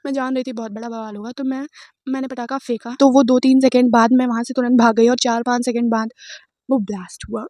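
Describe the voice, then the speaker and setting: High-voiced young woman chatting through a storytime, laughs a lot, dry close sound. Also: level tone, fast talker, darkish tone, no echo. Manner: chatty, laughs often, Hindi with English words. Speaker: vlogger. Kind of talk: casual storytime chat.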